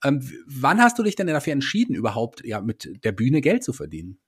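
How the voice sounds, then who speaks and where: A man's voice: medium pitch, big pitch swings, fairly quick, husky. A man hosting a casual interview podcast from his small home studio, chatty and emphatic. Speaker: podcast host.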